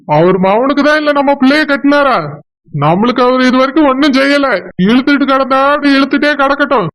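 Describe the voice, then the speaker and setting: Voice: high-pitched, a bit bright. A performer voicing a stubborn, resentful village husband with a southern Tamil accent and a blunt, grudging manner.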